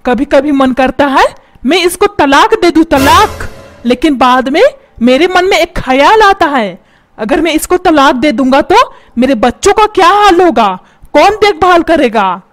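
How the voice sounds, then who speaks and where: एक महिला कार्टून में चिड़चिड़े, चिल्लाने वाले अधेड़ पिता की आवाज़ दे रही है, जो डांटता है और ताने मारता है।. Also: female voice, sits high, animated, measured pace. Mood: scolding. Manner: shouts and scolds, calls names. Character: grumpy shouting cartoon father, middle-aged man. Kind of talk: comedy cartoon dubbing.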